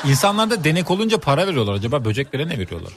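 Co-host, male, husky voice, quick playful banter. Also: on the high side, very animated, fairly bright tone. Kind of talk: casual chat.

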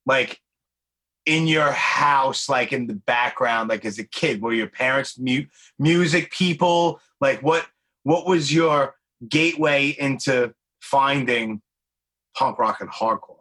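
A man's voice: medium pitch, slow pace, sharp tone. A man, hosting a podcast in a casual, rambling way with lots of fillers. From Brooklyn, New York. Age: 40s. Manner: rambling, filler-heavy, enthusiastic. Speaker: podcast host. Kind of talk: casual interview chat.

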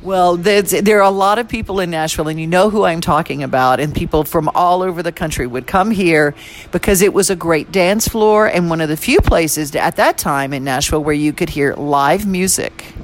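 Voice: medium pitch, moderate pace. An interviewer telling stories and asking casual questions. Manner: chatty, storytelling.

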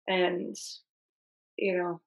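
A woman hosting an interview, supportive and quick with affirmations. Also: fairly low pitch, monotone, creaky, phone-quality sound. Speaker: interview host. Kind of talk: conversational interview.

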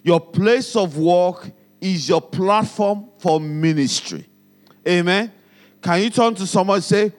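High-voiced Nigerian pastor preaching. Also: male voice. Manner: preaching with call-and-response prompts to the congregation; repeats phrases for emphasis. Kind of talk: sermon.

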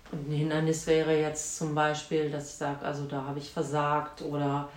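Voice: mid-range voice, monotone, normal speed, reverberant. An interviewer who thinks aloud while asking questions, searching for words with many fillers. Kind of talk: conversational interview.

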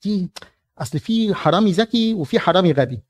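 Man doing a loud, raised Egyptian Pharisee, smug and stern, drama rehearsal. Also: sits high, expressive, rapid-fire, voice pushed up. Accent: Egyptian Arabic. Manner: pompous, indignant. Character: stern self-righteous male Pharisee host.

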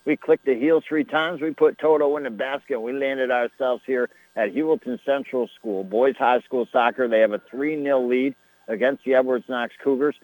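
A man calling a high school soccer match on AM radio in a folksy, conversational way. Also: fairly even intonation, normal speed, darkish tone, no echo, rough recording. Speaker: play-by-play sports commentator.

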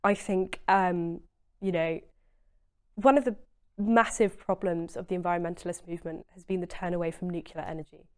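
Earnest young woman, lowish voice. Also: fairly even intonation, moderate pace, clean tone. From Essex, England. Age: 20s. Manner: earnest, emphatic, frequent "you know". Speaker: interview guest. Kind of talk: conversational political interview.

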